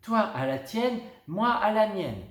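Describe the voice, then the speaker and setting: A man's voice: sits high, sing-song, slow pace, fairly bright tone, pitched above the performer's own voice, full character voice. A man playing a giggly bouncy little girl. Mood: giddy. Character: giggly little girl, playful best friend. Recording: roomy echo.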